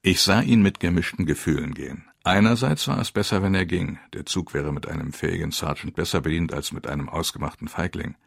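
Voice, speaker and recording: A man giving grave, measured first-person narration of a war memoir. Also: sits low, creaky, breathy edge, dry recording, clean studio sound.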